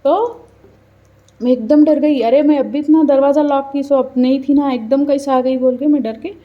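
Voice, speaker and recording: A woman's voice: high voice, steady tone, moderate pace, lo-fi sound. A woman with a Hyderabadi accent telling a personal story in a casual, earnest way, acting out what people said. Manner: earnest, chatty, quotes people aloud. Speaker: mother telling her story.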